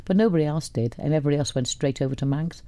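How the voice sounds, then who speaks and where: An older Welsh woman, appearing as a radio guest, chats casually about her life, rambling and restarting a lot. Her voice is deep and mellow, and she talks very fast in a dry recording with no echo.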